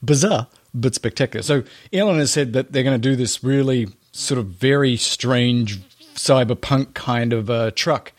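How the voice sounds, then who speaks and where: A man's voice: medium pitch, moderate pace. A man hosting a podcast, giving casual, chatty news commentary with playful showman flourishes and joking, colloquial asides. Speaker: podcast host.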